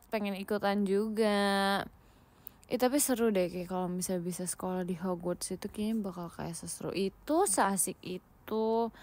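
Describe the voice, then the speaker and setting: A young woman from Indonesia chatting casually with viewers on a livestream, playful and giggly, mixing in English words while lying down at home. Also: mid-range voice. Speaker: idol livestreamer.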